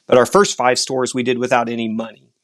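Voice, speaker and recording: A man's voice: mid-range voice, flat delivery, fairly quick, dry recording, clean studio sound. A man, a coffee shop founder answering podcast interview questions in an enthusiastic, upbeat storytelling manner. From Oklahoma, United States.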